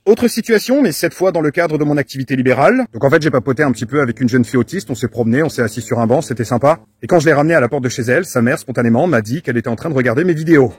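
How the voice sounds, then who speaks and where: A man's voice: mid-range voice, lively intonation, very fast, few pauses, slightly rough. A man vlogging outdoors while walking his dog, telling everyday stories in a wry, self-mocking, chatty way. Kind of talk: casual storytelling vlog.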